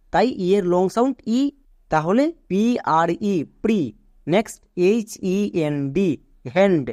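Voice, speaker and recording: A pronunciation teacher who spells English words out slowly, letter by letter, in an encouraging online lesson and often checks that learners are following. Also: mid-range voice, a little mellow, dry recording, clean studio sound. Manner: encouraging, asks learners quick check questions.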